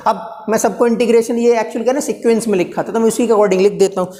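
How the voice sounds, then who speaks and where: A man's voice: high-pitched, steady tone, fast talker, mellow. Man teaching physics in an echoey classroom. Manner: coaxing, teasing students, talking through steps aloud. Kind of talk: live classroom lecture. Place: classroom with students. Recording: reverberant classroom, faint background noise.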